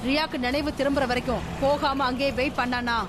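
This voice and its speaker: A woman's voice: high voice, steady tone, fast, noisy background, lightly acted. A woman dubbing a scheming adult woman's inner monologue in a TV serial, determined and plotting. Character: scheming adult woman set on keeping a girl away. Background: loud background music.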